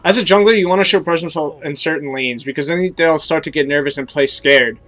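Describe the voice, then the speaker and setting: Fairly quick and a bit bright, his voice on the high side, the young man casually commentates his own game despite a cold that has left him stuffy-nosed with a sore throat. He coaches viewers in an explanatory tone, with lots of fillers.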